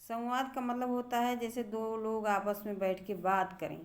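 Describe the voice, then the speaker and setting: Patient woman teacher, slow repeats. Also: fairly high pitch, little pitch movement. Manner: patient, repeats words slowly to show pronunciation. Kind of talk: explaining grammar to students.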